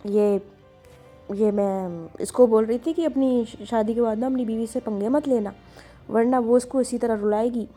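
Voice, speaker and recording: A doting old grandmother, as a woman storyteller puts her on, coaxing and stubborn with a sly streak. Her voice sits a little high but stays mellow and soft-edged. Faint music plays under her. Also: fairly even intonation, normal speed, lightly acted. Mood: joking. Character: affectionate, scheming old grandmother.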